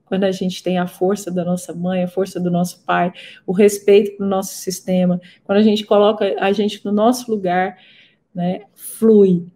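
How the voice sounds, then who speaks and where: A woman giving a personal testimony in a talk, an animated storyteller who repeats words for emphasis. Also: medium pitch, normal speed. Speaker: therapy co-creator and instructor.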